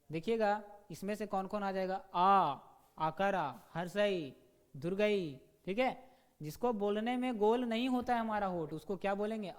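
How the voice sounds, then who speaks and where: A male teacher giving an online grammar lesson. His voice sits high for a man, and the room around him rings with a long reverb. He drills the class with quick questions and sounds out each example slowly. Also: darkish tone. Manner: repeats "ठीक है" and asks students questions.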